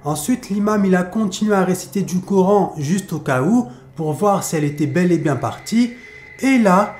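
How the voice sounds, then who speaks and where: A man's voice: high voice, roomy sound. A man telling a horror story in a casual, repetitive spoken storytelling manner. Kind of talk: storytime narration.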